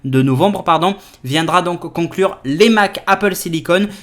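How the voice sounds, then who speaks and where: A man presenting a casual tech news vlog, talking in a lively way with many fillers and restarts. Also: sits high, a little slow. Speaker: tech YouTuber.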